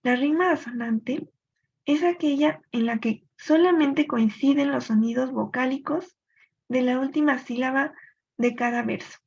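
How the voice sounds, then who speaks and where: A woman teacher explains poetic rules step by step, stopping now and then to think aloud. Her voice sits a little high, with a gravelly, husky edge. The recording sounds dull and lo-fi. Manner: clear explanatory pace with thinking-aloud pauses. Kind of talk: recorded literature lesson.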